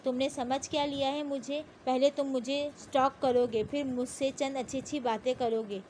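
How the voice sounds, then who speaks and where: Woman reading as a proud young woman, hot-tempered, sharp-tongued, audio novel figure, fairly high, level voice. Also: fairly even intonation, slight background noise, natural voice. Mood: indignant. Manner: sharp and indignant.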